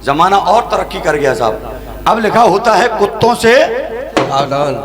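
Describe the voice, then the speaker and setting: A man's voice: sits high, animated, a little slow. A man from Agra, a devotional night-vigil singer and compere, telling comic stories to a live crowd in a chatty, joking way and often laughing. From Agra, India. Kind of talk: comic storytelling to a live audience. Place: outdoor or tented stage at a religious night vigil. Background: live band music.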